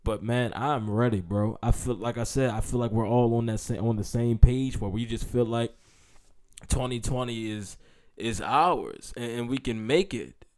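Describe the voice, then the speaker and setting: A man's voice: medium pitch, normal speed, darkish tone. A man hosting a podcast in informal, slangy speech, talking like a motivational speaker and repeating phrases for emphasis. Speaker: podcast host. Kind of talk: motivational pep talk and sports commentary to listeners.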